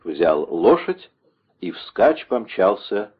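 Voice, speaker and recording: A man narrating an audiobook in a measured, dramatic storytelling voice. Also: on the low side, big pitch swings, husky. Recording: dull lo-fi recording.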